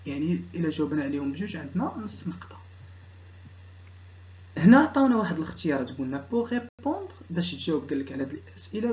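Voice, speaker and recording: A man with a Moroccan Arabic accent, a teacher going through exam questions. He reads each question out slowly, then explains it in quick dialect. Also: on the high side, a little mellow, dull audio. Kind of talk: exam correction lesson.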